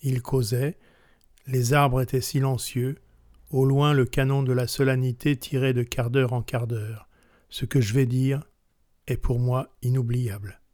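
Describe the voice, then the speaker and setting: A man narrating a literary text aloud in a measured, solemn way. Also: mid-range voice, flat delivery, darkish tone, no echo, studio quality. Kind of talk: literary reading.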